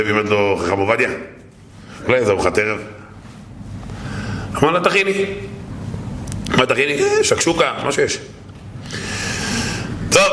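Animated man preaching in an echoey room. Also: mid-range voice, background noise. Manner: acts out characters in shifting voices, exclamatory. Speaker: rabbi giving a Torah talk. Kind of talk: animated storytelling sermon.

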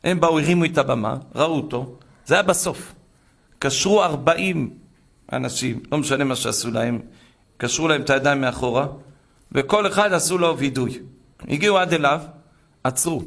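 A male preacher tells a sermon story with mounting emphasis, rising to impassioned shouts at key points. His voice is gravelly and creaky, sitting somewhat high for a man. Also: long pauses.

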